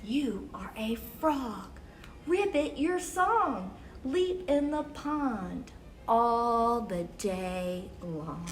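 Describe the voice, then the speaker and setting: Here a woman leads a children's story time, giving picture books an expressive, carefully measured reading suited to small kids. She sits on the high side and her pitch swings widely, while a bit of background noise is audible.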